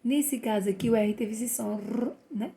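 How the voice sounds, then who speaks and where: A woman giving a children's reading lesson, sounding out letters slowly and praising the listener. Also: fairly high pitch, steady tone, creaky, dark tone. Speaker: literacy teacher. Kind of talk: slow phonics lesson for children.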